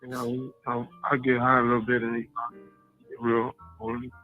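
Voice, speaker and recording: A man's voice: mid-range voice, completely flat delivery, moderate pace, soft background music. Man caller from Indiana, hesitant mumbler, phone held off his mouth, dull muffled line. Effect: phone held away from the mouth, fading and faint. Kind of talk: call-in chat. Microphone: phone held away from the mouth.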